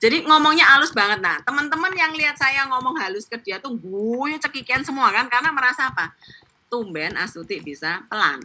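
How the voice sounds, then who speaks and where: A middle-aged woman training insurance agents over a video call, talking fast and chatty, with playful acted-out examples. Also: high-pitched, lively intonation, bright, forceful tone, slightly rough. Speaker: insurance agent teaching sales technique. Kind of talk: live online training session.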